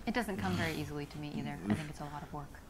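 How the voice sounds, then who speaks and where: A woman's voice: sits low, very fast, very noisy, lightly acted. An actress playing a friendly young woman on a coffee date, giving laid-back, agreeable answers. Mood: calm.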